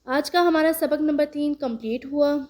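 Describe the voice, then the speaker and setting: A woman with a Pakistani Urdu accent giving an online Quran reading lesson, patiently drilling each syllable slowly and repeating it. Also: high voice, darkish tone. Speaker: Quran recitation teacher.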